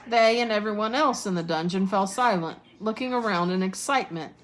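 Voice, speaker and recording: A teacher reading a storybook aloud. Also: female voice, medium pitch, brisk, slight background noise, low-quality recording. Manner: steady, expressive reading.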